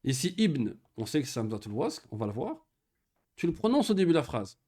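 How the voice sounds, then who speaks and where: A man giving a one-on-one Arabic grammar lesson, patient and explaining step by step, saying Arabic words slowly and often checking that his student follows. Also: medium pitch, sing-song, dark tone, husky. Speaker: Arabic teacher.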